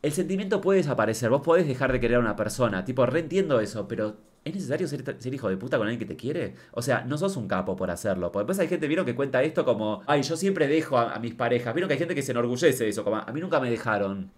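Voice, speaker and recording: A man with a Rioplatense accent rattles through a comedic advice monologue at a rapid clip. His delivery is camp and sassy, quick-witted and teasing. He sits at a middle pitch for a man. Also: animated, darkish tone. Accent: Rioplatense Spanish. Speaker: comedic advice host in character. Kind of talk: comedic monologue reading viewer messages.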